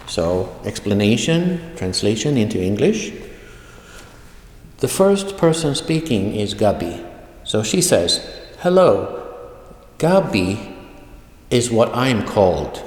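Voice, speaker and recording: A man gives an unhurried online language lesson, his low voice rising and falling a lot as he spells out each phrase. The recording carries a roomy echo with a long reverb tail. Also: darkish tone. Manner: slow, deliberate teaching, repeating words for learners. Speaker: Swedish language teacher. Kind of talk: recorded online lecture, reading dialogues and translating. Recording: echoey room with long reverb.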